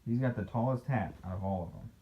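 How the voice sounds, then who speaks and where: Speaking fast in a fairly low voice, a man reads a picture book to his child in a dad role. He chats along the way, poking playful fun at the story. The sound is dull and noisy, recorded at home.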